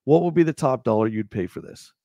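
A man hosts a live stream in a stuffy, nasal voice. His pitch swings widely as he talks, in an upbeat presenter's way. The sound is dry and close, with almost no room. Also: animated, fairly quick, creaky, mellow, no echo, highs cut off. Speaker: livestream host. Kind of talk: casual chat.

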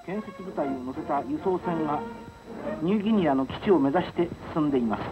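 A man narrates an old wartime newsreel in a formal, solemn announcing style. The sound is dull and lo-fi, like an old film soundtrack, with clear music beneath his voice. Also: fairly high pitch, a little fast.

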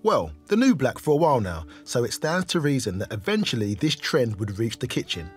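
A man's voice: mid-range voice, sing-song, a little fast, soft background music. A man with a British accent co-hosting a home renovation show, giving advice and presenting tips. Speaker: property show co-host.

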